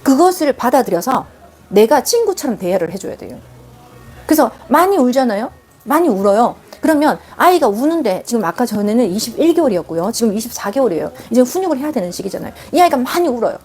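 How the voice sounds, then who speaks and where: Husky, lively woman giving parenting advice. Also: fairly high pitch, fast talker, soft background music. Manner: emphatic, direct, acts out quoted parent and child lines. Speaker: parenting counselor. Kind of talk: live parenting advice chat. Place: live online broadcast.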